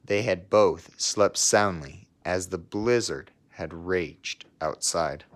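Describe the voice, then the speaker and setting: Reading a children's story aloud, a man with a fairly low voice narrates in a measured, teacherly manner with pauses. He sometimes slips into casual talk with his young listeners.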